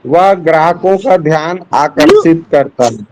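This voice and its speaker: A man's voice: on the high side, a little slow, noisy background. A middle-aged man teaching a Hindi class, patiently walking his students through answer options one by one. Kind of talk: classroom lesson over a call.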